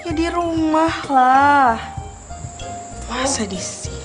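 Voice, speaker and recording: An actress playing a dismissive, businesslike office recruiter in a TV film. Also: female voice, high voice, takes it slowly, over music. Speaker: office hiring staffer. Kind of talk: scripted TV film acting.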